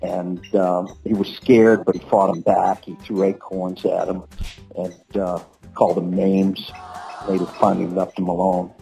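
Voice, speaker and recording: A dad leaving a rambling, meandering voicemail for a friend in a folksy, wandering way. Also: male voice, low voice, little pitch movement, a little slow, vocal fry, warm tone, soft background music, low-quality recording.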